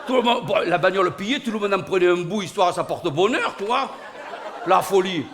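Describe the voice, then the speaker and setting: A man telling a comic story in an animated way, full of sound effects. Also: sits high, fairly quick, slight background noise. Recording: studio recording.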